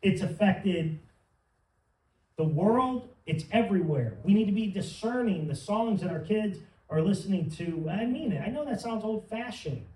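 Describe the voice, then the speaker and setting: A man's voice: high voice, lively intonation, moderate pace, a little mellow. A man preaching a sermon in church, fervent and building to emphatic peaks. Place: church sanctuary. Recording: roomy sound from some distance.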